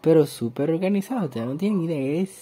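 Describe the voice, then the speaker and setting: A man reads a psalm aloud, then comments on it in an emphatic manner with animated asides, repeating words for stress. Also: a little high, quick pace, slightly rough. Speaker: Bible reader and preacher. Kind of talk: scripture reading with sermon commentary.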